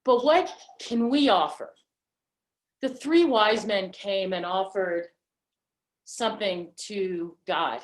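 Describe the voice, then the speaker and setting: A woman hosting an online holiday gathering, talking casually and haltingly with many fillers over a video call mic. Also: medium pitch. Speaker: event host.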